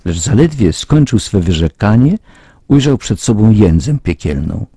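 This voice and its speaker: A man reads a moral fable aloud in an earnest, measured way. His voice is dark and husky, and it has a rough edge. The recording is close and dry. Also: on the low side, big pitch swings, dry recording. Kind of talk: slow, earnest moral storytelling.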